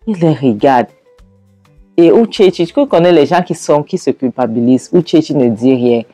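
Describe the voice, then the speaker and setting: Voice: medium pitch, expressive, normal speed, mellow, no echo, faint music behind. A storyteller retelling a film scene by scene, hesitant with fillers. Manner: hesitant, with fillers and acted quotes.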